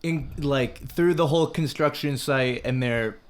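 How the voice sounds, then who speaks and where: A young man co-hosting a casual movie review podcast, animated and jokey, laughing often and jumping high in pitch when excited. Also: a little slow, slight background noise. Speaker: podcast co-host.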